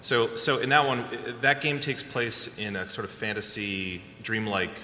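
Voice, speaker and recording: A man with a low, bright, forward voice moderates a panel discussion. He asks curious, probing questions. The sound is roomy, with long hall reverb and a faint hum underneath. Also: normal speed, faint music behind.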